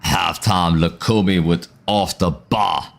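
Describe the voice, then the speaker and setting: Male watchalong streamer, low-ish voice, casual slang, reacts to play and reads chat. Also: steady tone, takes it slowly, creaky. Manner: casual and slangy, addresses viewers as chat and bro; reads out viewer comments between reactions. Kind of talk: live football watchalong commentary.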